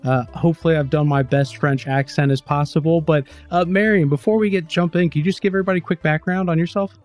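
A man's voice: on the high side, fairly even intonation, fast, a little mellow, soft background music. A man hosting a sports business podcast, introducing the guest in a friendly, loose way with some restarts. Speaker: podcast host. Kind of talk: casual podcast chat.

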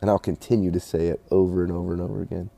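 A man, a racing shop owner talking casually in an interview, halting with many restarts. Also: low-pitched, creaky. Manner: halting, restarts often, animated storytelling with quoted voices.

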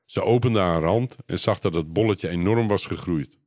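A man reading a children's storybook aloud in a calm, even narration. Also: sits low, moderate pace, dry recording, studio quality.

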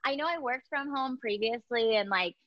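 A woman's voice: a little high, normal speed, no room sound, dull audio. A young woman, a photography educator, chatting as a podcast guest from home, upbeat and full of fillers. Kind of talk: casual interview chat.

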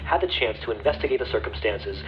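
An actor playing a formal, stern caller who leaves a legal message on a voicemail. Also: male voice, lowish voice, animated, fast. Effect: played back from a voicemail message. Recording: dull, muffled voicemail playback.

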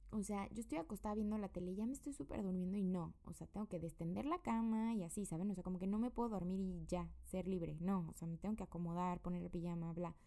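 Chatty Mexican woman with a gravelly voice. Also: on the low side, fast talker, few pauses, warm tone. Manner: chatty and rambling, many fillers. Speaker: podcaster. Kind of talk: casual personal update monologue. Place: her room.

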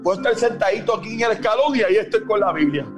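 A male pastor preaching a sermon in an exclamatory way, calling out to listeners by name and bursting into shouts. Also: sits high, rapid-fire, over music.

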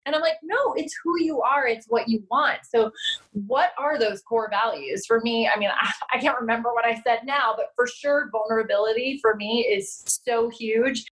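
Animated woman coach, quick asides. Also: on the high side, rough recording. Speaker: heartbreak coach, guest. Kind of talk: casual podcast interview.

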